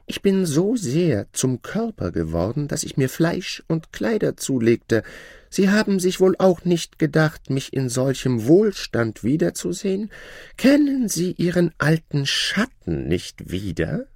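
A man voicing a boastful shadow who has become a rich gentleman, speaking in a smug, showy, raised voice. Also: wildly swooping pitch, a little slow, dry recording, studio quality, exaggerated voice. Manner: smug and showy, high-pitched put-on voice.

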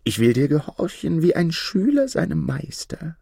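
A man's voice: on the high side, big pitch swings, moderate pace, creaky, dark tone, slightly rough, dry recording, voice pushed up, exaggerated voice. A man voicing a sly, fawning fox in a storybook reading, with a dry, close sound.

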